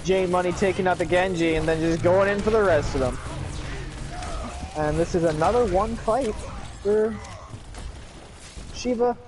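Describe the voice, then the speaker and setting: A man giving live play-by-play commentary on an esports match, with excited calls and joking asides. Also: high-pitched, moderate pace, long pauses. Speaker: esports caster.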